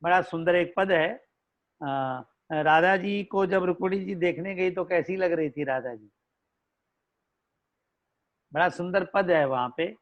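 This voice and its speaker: A man with a Hindi accent delivers an unhurried devotional discourse, drawing out his words and slipping into chanted, melodic verses. His voice sits high for a man. The recording is dull and lo-fi. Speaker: religious storyteller.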